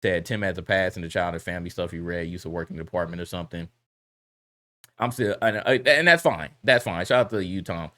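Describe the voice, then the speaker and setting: A man hosting a reaction video, talking in an animated, heated, blunt way with slang and swearing. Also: low-pitched, fairly quick. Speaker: reaction commentary host. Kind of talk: casual reaction commentary.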